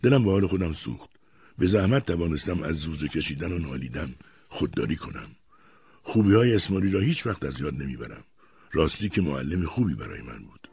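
Low raspy guy reading an audiobook, expressive, dry close mic. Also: no echo. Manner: expressive storytelling. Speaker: audiobook narrator. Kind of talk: scripted narration.

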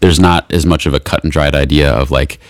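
A man with a very low voice and a smooth, resonant tone hosts a casual podcast chat. He explains history in an unhurried, rambling way, often restarting his sentences. The sound is dry and close. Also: fairly even intonation, no echo. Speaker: podcast host.

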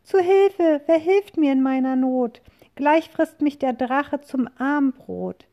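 A woman doing a shrill, excitable witch. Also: slow. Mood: frightened. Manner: shrill, loud cries. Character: frightened, excitable female witch. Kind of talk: reading a rhyming picture book aloud.

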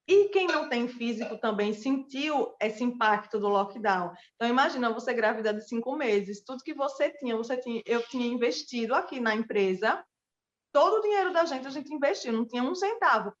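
A woman with a high-leaning voice, its highs cut off, gives a personal testimony. She teaches pole dance and runs a small business, and she tells her story earnestly while speaking directly to her listeners.

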